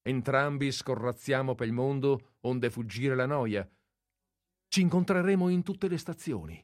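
A man reading aloud and voicing a sharp-tongued, flirtatious society lady in a mocking, teasing tone. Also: animated, measured pace, no room sound, studio quality, natural voice. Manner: mocking and teasing, raised pitch.

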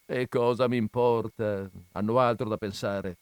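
A man's voice: on the low side, fairly even intonation, a little slow, smooth, no room sound, lightly acted. A man voicing a stubborn young villager who answers bluntly and defiantly.

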